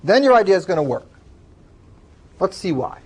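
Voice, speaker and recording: A man's voice: sits high, sing-song, moderate pace, husky. A man lecturing a class, explaining step by step and taking student questions.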